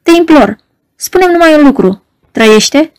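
A proud, troubled married woman , read by a woman narrator, urgent and pleading in a raised, fairly high voice. Her lines come across agitated and insistent in an audiobook scene. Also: lively intonation. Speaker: audiobook reader.

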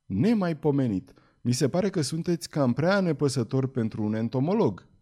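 Guy doing a chatty old whaling captain, loud, explains everything, warm low-ish tone. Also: big pitch swings. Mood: lecturing. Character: hearty old whaling ship captain, talkative.

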